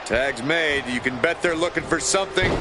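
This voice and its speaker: A man's voice: on the high side, moderate pace. A man calling wrestling play-by-play as a commentator, in a dramatic, emphatic delivery over a noisy arena. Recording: loud arena noise behind.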